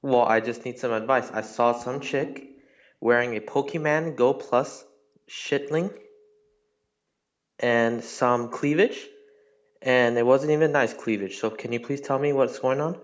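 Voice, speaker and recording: Male caller, mid-pitched voice, rambling deadpan, muffled phone line. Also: measured pace.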